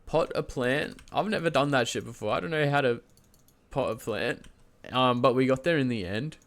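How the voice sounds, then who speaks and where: Sick with a cold, a young man sounds stuffy and nasal as he rambles through a story to his live stream chat from home. He stands and moves as he talks, his mid-range voice at a moderate pace, loose and chatty, with many fillers and restarts and laughs in mid-sentence.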